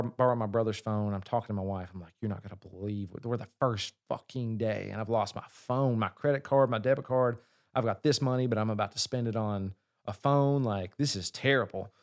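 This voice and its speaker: Male singer, mid-pitch, profane, animated storyteller in a relaxed chat. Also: brisk. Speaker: singer and guest.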